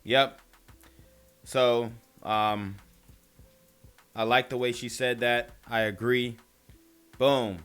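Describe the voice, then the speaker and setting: A man delivers blunt, slang-heavy commentary at an unhurried pace. His voice is bright and crisp, and faint music plays under him. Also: mid-range voice, level tone. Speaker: commentary channel host. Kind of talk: casual opinion commentary.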